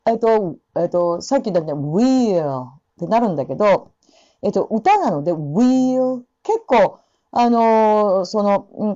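A woman gives a casual pronunciation lesson for singers, drawing out and repeating each sound as she explains it. Her voice is mellow and moves a lot in pitch. The audio is dull and muffled. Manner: demonstrates sounds slowly, repeating words many times; many fillers, informal explaining. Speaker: English pronunciation teacher for singers. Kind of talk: casual spoken lesson with demonstrations.

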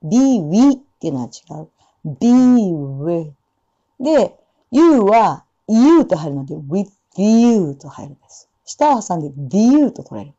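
A woman teaching English pronunciation, explaining sounds and slowly repeating example phrases. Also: mid-range voice, big pitch swings, mellow. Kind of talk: pronunciation lesson. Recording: dull lo-fi sound.

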